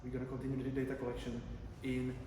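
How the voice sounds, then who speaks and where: With a monotone, medium-pitched voice, this Czech PhD researcher talks fast during his academic conference presentation. He sounds conversational, using many fillers and restarting sentences. The distant recording in a large hall has echo and room noise.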